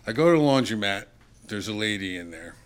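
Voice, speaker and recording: As a podcast guest, a man chats casually through rambling anecdotes, acting out the dialogue and quoting people in animated retellings. His smooth voice is fairly low and a little fast.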